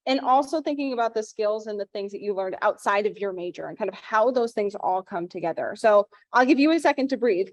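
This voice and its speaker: High-voiced woman moderating a panel. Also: a little mellow, no echo.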